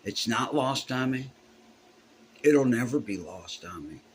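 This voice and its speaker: A man's voice: medium pitch, expressive, unhurried, slight background noise. Emotional man telling a story. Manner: emotional, profane, heartfelt. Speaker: musician. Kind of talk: casual storytelling.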